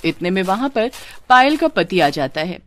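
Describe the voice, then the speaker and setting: A woman narrating a scripted family story in an even, explanatory way. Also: medium pitch, normal speed.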